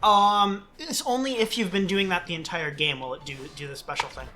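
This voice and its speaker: Casual female gamer host, bright tone, chatty explanations, light music behind. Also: lowish voice, brisk. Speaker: let's play host playing the game. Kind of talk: casual game commentary, explaining mechanics.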